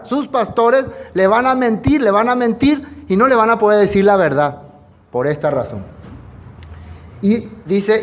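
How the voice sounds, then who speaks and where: A male preacher with a fairly high voice gives an expository sermon. He stretches out the scripture verses with emphasis, then drops into plain, conversational explanation. He keeps turning to the listener with questions. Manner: speaks directly to the listener, with rhetorical questions.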